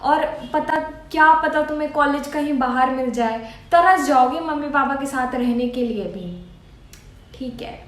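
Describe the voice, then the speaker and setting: A woman's voice: sits high, a little slow. A young woman from India talking casually to camera, giving earnest, coaxing advice like an older sister. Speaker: student vlogger. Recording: echoey room.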